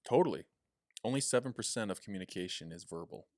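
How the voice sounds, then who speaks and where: A man's voice: on the low side, animated, fast, a little mellow, no room sound, clean studio sound. A young man co-hosting a podcast, talking casually with lots of fillers. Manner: chatty, filler-heavy, demonstrates voice tones. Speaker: podcast co-host.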